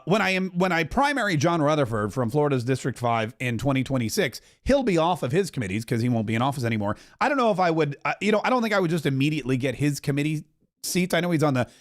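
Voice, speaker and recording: A fortysomething man hosts a political commentary podcast, talking emphatically and rambling, occasionally bursting into loud singing. His pitch is fairly high.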